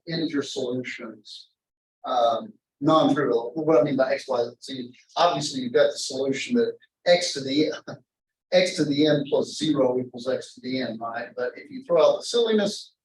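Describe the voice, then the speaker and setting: A man giving an informal university math lecture in a rambling, halting way, often interrupting himself and drifting into asides. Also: medium pitch, slight background noise. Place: indoor classroom. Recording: echoey lecture room, distant mic.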